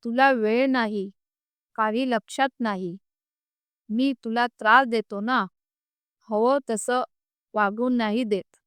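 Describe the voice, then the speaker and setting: A woman's voice: on the high side, steady tone, slow, long pauses, a bit bright, clean tone, no echo, clean studio sound. A woman voicing a hurt, stubborn young husband in a storybook reading, with curt lines.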